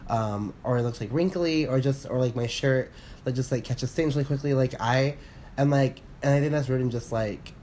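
A man in casual podcast chat, rambling with many fillers and restarts, candid and quick to laugh. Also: medium pitch, mellow, slight background noise. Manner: laughs often, candid and profane. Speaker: podcast co-host.

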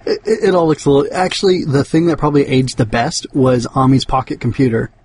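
A man's voice: medium pitch, steady tone, quick pace, a little mellow, breathy edge. A man co-hosting a podcast, chatting casually in rambling, restarting sentences. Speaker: podcast co-host. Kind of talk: casual chat.

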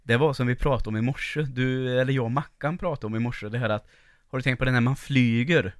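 A man co-hosting a casual podcast, relaxed and joking drily as he leads the talk. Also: mid-range voice, no echo, clean studio sound. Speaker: podcast co-host.

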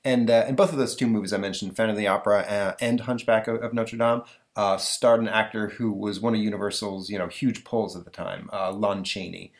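This podcast host chats casually in a lowish, fairly quick voice with fairly even intonation. He rambles, packing his talk with fillers and restarts.

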